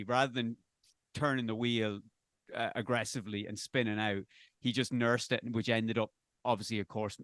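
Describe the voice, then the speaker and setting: A man's voice: medium pitch, fairly bright tone, smooth, no room sound, studio quality. A man on a racing review panel, talking casually in a rambling, self-correcting way and speaking bluntly with some swearing. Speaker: panel pundit. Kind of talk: casual race review chat.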